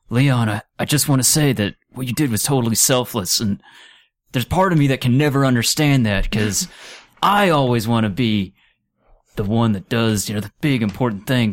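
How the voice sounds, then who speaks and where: Mid-pitched man improvising in character. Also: moderate pace. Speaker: tabletop game player. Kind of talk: casual improvised role-play.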